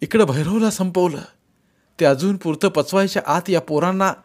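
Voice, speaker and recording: A man's voice: high voice, normal speed, pitched above the performer's own voice. A man doing a shaky, frightened old father. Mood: grieving. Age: older. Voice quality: trembling, agitated, tearful.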